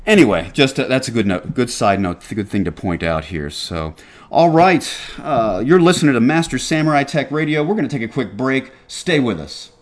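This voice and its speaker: A middle-aged man with a Southern lilt hosts a casual trade radio show. His voice sits at an ordinary pitch. He talks emphatically and lectures his listeners, often restarting sentences mid-thought. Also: big pitch swings, moderate pace, a little hiss or hum. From Atlanta, Georgia, US. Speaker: podcast host.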